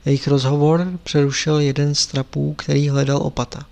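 A man reading an audiobook in a calm, measured narration. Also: a little high, gravelly.

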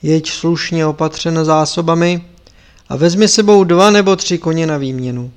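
A man's voice: fairly high pitch, clean tone, lightly acted. A man reading the part of a stern elderly lama teacher, solemn and commanding.

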